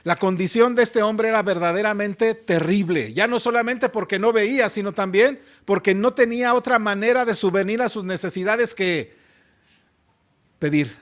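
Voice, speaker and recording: A man with a Mexican Spanish accent preaching a sermon as pastor, moving between loud exhortation and soft asides. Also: high-pitched, normal speed. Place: church.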